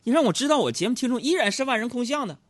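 A man telling comic stories in a lively stand-up monologue, acting out other people's voices. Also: extremely high pitch, racing, no echo, clean studio sound. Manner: animated storytelling, acts out other voices. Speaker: comedy radio host.

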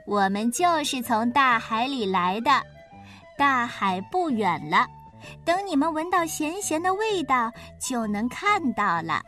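A woman's voice: sits high, big pitch swings, measured pace, bright, forceful tone, soft background music, full character voice. A woman voicing a cheerful, helpful school of little fish in a storybook.

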